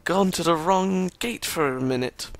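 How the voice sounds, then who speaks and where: A man voicing a shy, polite young Japanese woman as he reads game dialogue aloud, halting and apologetic. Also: on the high side, vocal fry, voice pushed up. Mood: polite, nervous.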